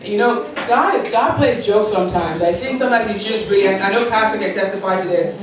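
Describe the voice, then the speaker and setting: Speaking a little fast in a medium-pitched voice, a woman in her forties from Liberia tells her personal story as a keynote, earnest in tone, quoting prayers and laughing lightly. She sounds distant in a very echoey hall, with slight background noise.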